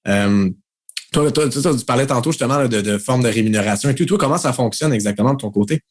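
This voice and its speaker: A man's voice: medium pitch, fast. A man with a Québécois accent hosting a casual podcast interview, friendly, with many fillers. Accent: Québécois French. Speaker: podcast host.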